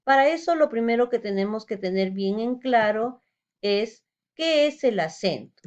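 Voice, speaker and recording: A woman's voice: on the high side, animated, unhurried, a little mellow, lo-fi sound. A woman teacher giving a recorded lesson, explaining step by step and asking rhetorical questions.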